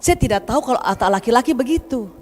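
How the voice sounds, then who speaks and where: A woman's voice: fairly high pitch, lively intonation, fast talker. A woman voicing a remorseful middle-aged mother of six sons who speaks earnestly, as if confessing. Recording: long reverb in a hall.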